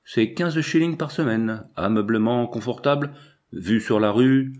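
A man's voice: medium pitch, a little slow, darkish tone, natural voice. A man voicing a fat, heavily made-up older landlady who chatters fussily and dotes on her pet. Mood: businesslike. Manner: chatty, fussy, doting. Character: fat, painted older woman landlady, gushing.

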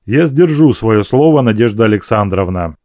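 A man's voice: lowish voice, lively intonation, moderate pace, darkish tone, no room sound, clean studio sound, close to an everyday voice. A man voicing a desperate, lovesick young man who pleads passionately in a storybook reading. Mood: restrained.

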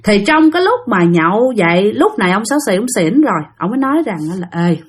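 A woman's voice: mid-range voice, very animated, fast, slightly rough. Woman storyteller, Southern Vietnamese accent, chatty spoken ghost-story narration addressed to listeners.

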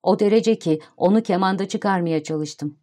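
A woman's voice: fairly low pitch, normal speed, mellow, close to an everyday voice. A woman voicing a poor, shy young man, an amateur violinist, who speaks timidly and overly politely in an audiobook reading.

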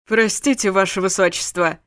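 A woman's voice: mid-range voice, lively intonation, normal speed, a bit bright, dry recording, natural voice. Woman reading as a jokey young male mage, teasing, dry close sound, storybook figure. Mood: mocking. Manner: teasing, talkative.

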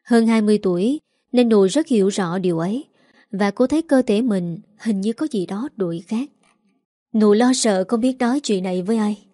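A woman narrating a village drama audiobook in a calm, measured reading voice. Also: mid-range voice, no room sound, studio quality. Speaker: story narrator. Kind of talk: audiobook storytelling.

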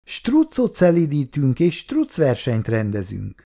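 A man's voice: medium pitch, gravelly, pitched above the performer's own voice, exaggerated voice. A man voicing an eager, dreamy young boy full of adventure fantasies. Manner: excited, fanciful.

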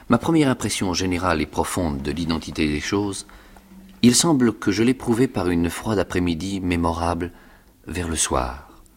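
A man giving a measured, expressive reading of a classic novel in the first person. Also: low voice. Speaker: reader. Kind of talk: dramatic literary reading.

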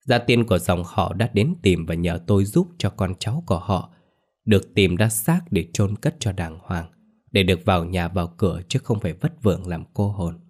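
Man as a grave, calm spirit medium. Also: sits low, moderate pace.

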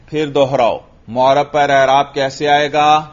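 A man with a Pakistani Urdu accent teaches a class, pitching short questions and then echoing the students' replies back to them. His voice sits at an ordinary middle pitch. The recording is dull and lo-fi. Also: little pitch movement. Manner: drills the class with quick questions and repeats their answers. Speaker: religious teacher. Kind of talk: classroom grammar lecture.

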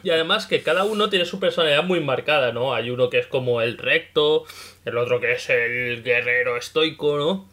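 A man with a Spain Spanish accent in casual chat, telling lively stories and acting out bits of dialogue. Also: medium pitch, moderate pace. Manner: lively storyteller, acts out characters' remarks. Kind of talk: casual chat about a video game.

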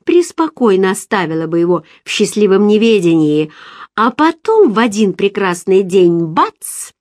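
A woman reader voicing an excitable, gossipy young woman friend who talks loudly in exclamations. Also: medium pitch, unhurried, slightly rough, no room sound, clean studio sound. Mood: excited. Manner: loud, exclamatory, emphatic.

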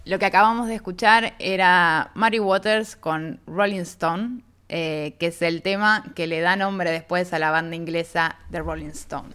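A woman's voice: on the low side, a little slow, hardly any pauses, clear, resonant tone. A woman from Argentina with an Argentine accent, a guest on a radio interview, telling a travel anecdote in a casual way and acting out both sides of a conversation. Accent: Argentine Spanish. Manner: lively anecdotal, reenacts dialogue with "me dice".

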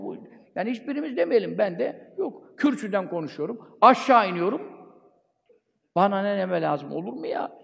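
A man's voice: very high voice, creaky, fairly bright tone. A man preaching a sermon from a pulpit microphone, fervently asking rhetorical questions and answering them himself. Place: speaking from a pulpit. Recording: long hall reverb.

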